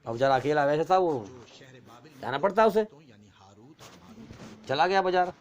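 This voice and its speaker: A male preacher telling a moral story as a sermon, in animated narration that acts out the characters. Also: a little high, muffled recording.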